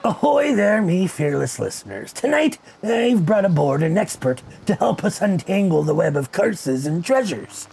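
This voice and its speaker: A performer playing a gruff male pirate captain who hosts a radio call-in show, talking in a rolling, theatrical pirate manner. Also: medium pitch, sing-song, moderate pace, hardly any pauses, mellow, exaggerated voice. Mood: grand. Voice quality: gravelly, husky. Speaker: radio host.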